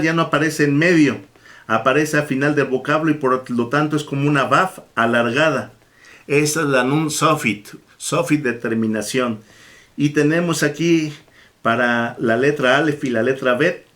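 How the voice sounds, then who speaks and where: A man teaches a Bible Hebrew lesson at a deliberately slow pace. His voice sits at an ordinary middle pitch, and he repeats each word several times for his listeners. Between points he pauses to give thanks to God. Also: a bit bright. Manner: repeats words slowly for the learner, blesses God between points. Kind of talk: slow, patient classroom lesson.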